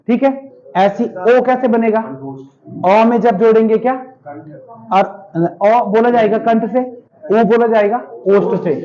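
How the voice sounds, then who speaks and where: A man's voice: high voice, a little mellow. A male teacher giving a grammar lesson, firing questions at his students and answering them himself. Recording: dull lo-fi classroom recording.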